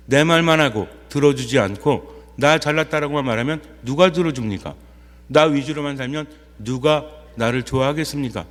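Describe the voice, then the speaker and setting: Priest with a ringing hall echo. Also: male voice. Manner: asks rhetorical questions and answers them himself; acts out quoted inner voices in a softer, lower tone. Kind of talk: sermon.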